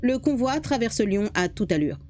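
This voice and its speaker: Expressive woman narrating a dramatic story. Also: on the high side, normal speed, faint music behind. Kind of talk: scripted narration.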